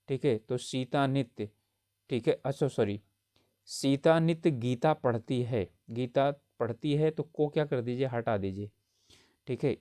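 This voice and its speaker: A man's voice: medium pitch, a little mellow, no room sound, clean studio sound. A man teaching a grammar lesson for exam preparation, explaining each correction patiently and often checking in with his students. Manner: explanatory, repeats points with frequent "theek hai" checks.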